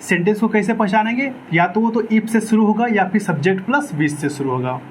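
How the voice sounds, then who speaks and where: This high-voiced man talks a little fast while teaching English grammar for an exam. He asks questions and supplies the answers himself, hammering key words through repetition. The recording is low quality, with a bit of hiss or hum.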